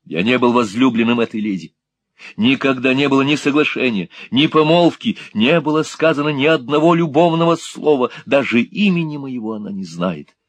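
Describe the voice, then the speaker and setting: A man voicing an indignant young man in a storybook reading, speaking low and restrained with contempt. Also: animated, moderate pace, no echo, natural voice.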